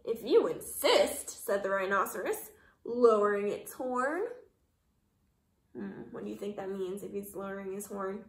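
A young adult woman, a kindergarten teacher, reads a picture book aloud to young children in a living room at home, with a mid-range voice. She is expressive and dramatic, pausing to explain and ask questions. A camera or phone a short distance away picks up roomy indoor echo.

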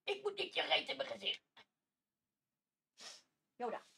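High-voiced woman, lively sing-song pitch, playful dog-owner baby talk. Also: a little slow, vocal fry, a little hiss or hum. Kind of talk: casual vlog talking to a pet. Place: home with a dog.

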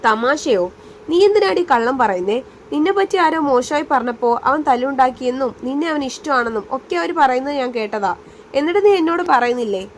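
A woman's voice: on the high side, moderate pace, slight background noise, natural voice. A woman voicing a stern, protective young man. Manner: stern, demanding questions.

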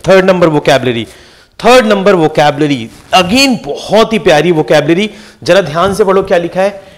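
In this high-energy exam-prep lesson, a young man with a rather high voice teaches vocabulary. He says every word more than once and keeps quizzing the class with quick questions so they stay focused and retain it.

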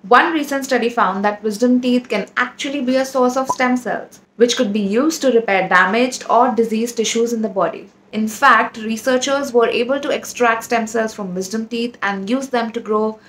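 A woman's voice: a little high, normal speed, hardly any pauses, low-quality recording. Sleepy-voiced woman narrating dental science. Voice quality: upbeat, playful, punny delivery. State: sleepy-voiced early in the morning. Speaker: dental educator host. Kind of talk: scripted educational narration.

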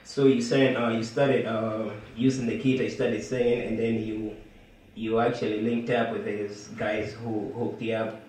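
Halting male host in an echoey room. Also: on the low side, little pitch movement, a little mellow, far from the mic, slight background noise. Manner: halting, repeats words while asking. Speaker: radio show host. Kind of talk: interview questions. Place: small studio room, indoors. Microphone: studio mic with headphones. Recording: very echoey room, mic set back.

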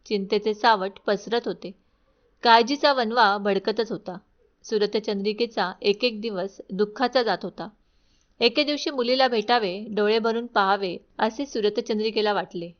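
A woman narrates a devotional story in a steady, formal storytelling manner. Her pitch sits in the middle range. The recording sounds dull and lo-fi. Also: normal speed.

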